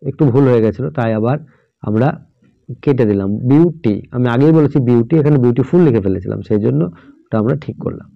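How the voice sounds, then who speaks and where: This man's gravelly, mid-range voice comes quickly as he patiently walks students through English grammar. He spells out words one letter at a time and keeps checking in with "all right?" The audio is dry, close, dull, and lo-fi.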